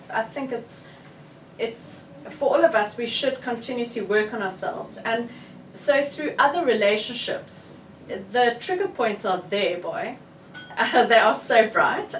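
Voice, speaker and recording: A woman with a South African accent, an author speaking frankly and with animation at a book launch event. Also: fairly high pitch. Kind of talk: candid book launch discussion. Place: bookshop event room. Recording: roomy, distant, with faint room noise.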